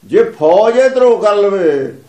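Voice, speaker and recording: A man's voice: high-pitched, expressive, takes it slowly, mellow, roomy sound. A man giving a sermon that explains scripture, repeating and chanting its lines with emphasis. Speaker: religious preacher.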